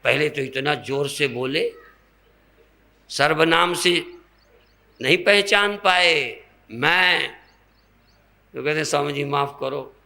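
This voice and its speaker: An older man, a swami, giving a slow spiritual sermon, teaching through rhetorical questions and everyday examples in a gravelly voice. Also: a little high, bright, forceful tone.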